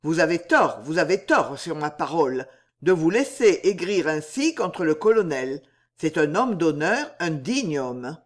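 A man voicing an earnest, plain-spoken English gentleman who speaks insistently to his cousin in a storybook reading. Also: on the high side, expressive, unhurried.

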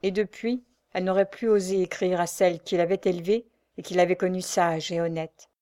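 Calm woman narrating a novel. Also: on the low side, dry recording, clean studio sound. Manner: calm, measured storytelling. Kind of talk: scripted audiobook narration of a novel.

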